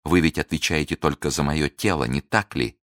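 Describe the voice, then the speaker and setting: A man's voice: very deep voice, moderate pace, a bit bright, dry recording, studio quality. A man voicing a desperate, scheming noblewoman in an audiobook reading, pleading and accusing with passion. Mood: bitter pleading. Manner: impassioned, pleading then accusing.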